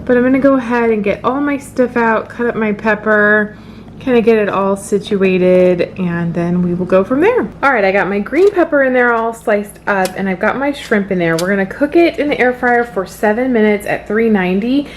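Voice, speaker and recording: A woman's voice: mid-range voice, normal speed, slight background noise. A woman talking casually to viewers in a home cooking vlog, explaining things in an informal, improvised way. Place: home kitchen.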